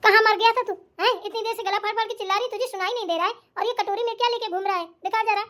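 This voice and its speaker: A bossy old mother-in-law who scolds in a shrill, nagging cartoon voice, put on by a woman. She has a Bundelkhandi accent and speaks very high. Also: steady tone, racing, fairly bright tone. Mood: scolding, shrill. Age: older. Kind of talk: cartoon voice acting.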